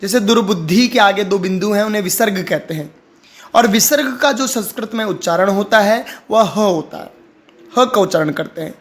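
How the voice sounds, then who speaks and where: A man's voice: high-pitched, a bit bright. Man teaching Sanskrit pronunciation patiently. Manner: slow, deliberate chanting of Sanskrit lines; patient, repeats words for the learner. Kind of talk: explaining reading and pronunciation.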